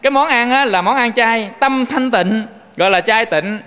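A man's voice: very high-pitched, normal speed, bright, forceful tone, clean tone, big-room sound. A man with a Southern Vietnamese accent giving a Buddhist sermon, telling folksy stories and often turning to address his listeners. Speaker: Buddhist monk preaching.

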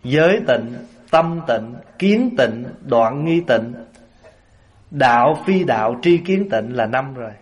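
A man giving a Buddhist sermon to an assembly, telling lively everyday stories. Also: mid-range voice, takes it slowly. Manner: lively storyteller, acts out everyday scenes with laughter. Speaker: Buddhist monk giving a Dharma talk.

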